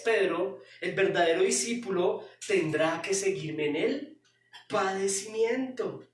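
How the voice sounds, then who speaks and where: A male pastor preaching expressively, asking many rhetorical questions. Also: high voice. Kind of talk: sermon. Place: church sanctuary. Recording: roomy hall, distant mic.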